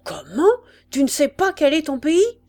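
A woman's voice: a little high, very animated, unhurried, voice pushed up. A woman playing a barking army sergeant. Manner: loud, barking questions. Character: gruff male Republican army sergeant, blustering interrogator.

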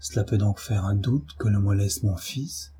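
A man's voice: fairly low pitch, normal speed, dark tone, slightly rough. A man voicing an anguished young mother who pleads in a tearful, breaking voice, read as an audiobook. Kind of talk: audiobook reading.

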